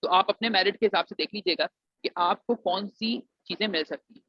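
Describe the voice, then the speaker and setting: A man's voice: high voice, a little fast, no echo. Man, student advisor, mixes in English, muffled lo-fi audio. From Pakistan. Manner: mixes English phrases into Urdu, calls students "beta". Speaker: admissions advisor for engineering students. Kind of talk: explanatory lesson to students. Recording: dull, dry lo-fi recording.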